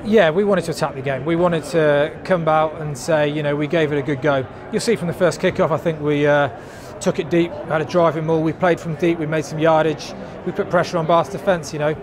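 A man in his thirties, a club captain, speaks in a slightly raised voice with plenty of ums as he reflects on a match. He is recorded outdoors in a stadium stand, and a crowd murmurs clearly behind him. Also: fairly high pitch, fairly even intonation. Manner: measured, thoughtful, lots of fillers. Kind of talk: post-match interview.

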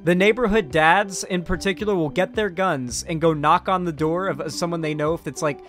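An American man in his twenties from central West Florida streams blunt, opinionated political commentary from a small home room, speaking conversationally into a close boom-arm mic with headphones on. His voice sits on the high side, fairly bright, at normal speed, with faint music behind.

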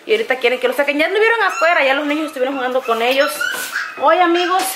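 Brief: Mexican Spanish woman, high-pitched mom vlogger, handheld camera in a noisy kitchen. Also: animated, very fast. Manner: warm, chatty, coos at the puppies. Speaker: family vlogger, mother. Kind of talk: casual vlog chat. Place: home kitchen, indoors. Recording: noisy home recording.

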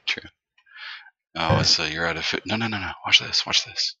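A man chatting casually and excitably while playing a game with a friend, laughing often. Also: low-pitched, moderate pace, slightly rough, no echo, highs cut off. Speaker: co-host of a gaming channel. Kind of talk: casual gameplay chat. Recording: noisy background.

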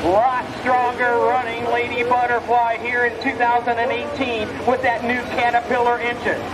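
High-pitched American tractor pull announcer, man. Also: little pitch movement, normal speed. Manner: announcer-style calling of names, distances and sponsors. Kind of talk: live event announcing over a PA. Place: outdoors at a fairground pulling track. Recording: noisy outdoor track with engines.

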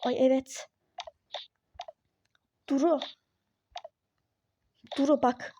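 A woman's voice: sits high, steady tone, drawn-out words, warm tone, a little hiss or hum. A woman voicing a meddling, superstitious young woman friend in a phone-game role-play story, nagging and insistent.

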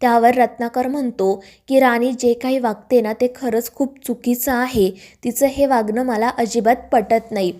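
Woman narrating a serial recap, slightly high. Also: normal speed, hardly any pauses. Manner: steady storytelling, reading quoted dialogue in the same voice.

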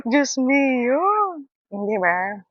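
A woman vlogging outdoors in casual chat, chatty and laughing with sudden high squeals. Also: very slow, no echo, dull audio. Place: outdoors by a hammock. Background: wind.

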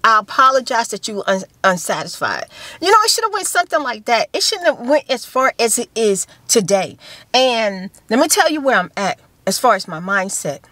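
Sitting in a parked car, this vlogger in her 50s chats casually to camera, animatedly telling a story with plenty of hand gestures and repeated lines for emphasis. She speaks a little high at a moderate pace, recorded close on a phone camera without echo.

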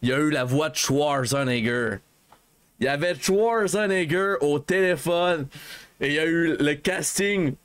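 This man, a let's play streamer with a Québécois French accent, rambles through a story as he games, his talk casual and full of fillers and false starts. He has a slightly high voice with a clean tone and speaks a little slowly.

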